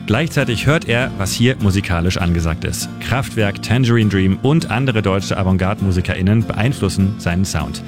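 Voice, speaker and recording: A man reading a scripted radio feature in a steady, informative storytelling manner. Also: on the low side, normal speed, hardly any pauses. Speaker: radio reporter and narrator. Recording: narration over loud music bed.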